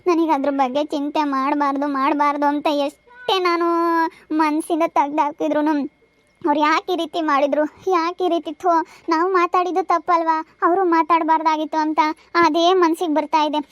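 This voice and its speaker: A woman's voice: sits high, flat delivery, brisk, dry recording, close to an everyday voice. A woman with a rural central Karnataka Kannada accent playing a grieving woman who left her husband, tearful and lamenting, in an amateur village drama. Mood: sorrowful.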